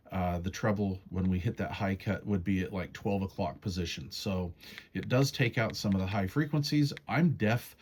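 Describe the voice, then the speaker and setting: A radio reviewer with a lowish voice gives a casual, hands-on walkthrough of a product's menu settings, taking it step by step in a folksy, conversational way. A little hiss or hum runs under the recording.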